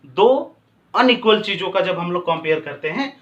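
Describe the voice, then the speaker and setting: Guy teaching a poem, high voice, super slow, sounds far off in an echoey room. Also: lively intonation, fairly bright tone, muffled recording. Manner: switches between slow, drawn-out English and quick Hindi explanation. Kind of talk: explaining a poem to a class. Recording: roomy, from off the mic.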